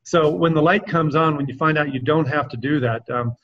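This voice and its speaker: A man's voice: a little high, a little fast, a little hiss or hum. A man who coaches men, talking earnestly in a casual podcast conversation. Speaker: men's coach. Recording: dull lo-fi sound.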